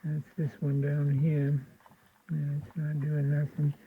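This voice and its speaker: Speaking slowly in a somewhat high, breathy voice with a completely flat delivery, an American-accented man hosts a radio repair video. He offers unscripted, folksy commentary while doing the hands-on work, thinking aloud, and the sound is narrow and phone-like.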